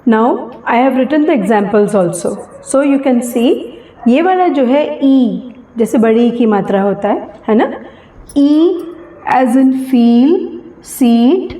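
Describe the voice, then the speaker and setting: A woman with an Indian accent teaching English phonetics, slowly sounding out each example word. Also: fairly high pitch, expressive, mellow. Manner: slow, drawn-out sounding of example words. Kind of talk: classroom lesson mixing Hindi and English. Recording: echoey room with long reverb.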